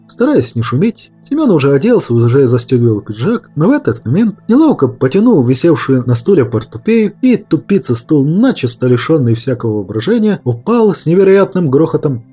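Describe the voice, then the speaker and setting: Guy reading a story out loud, husky mellow voice, really animated. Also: fairly high pitch, brisk, hardly any pauses, faint music behind. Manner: lively, dramatic storytelling. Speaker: audiobook reader. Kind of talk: expressive audiobook narration.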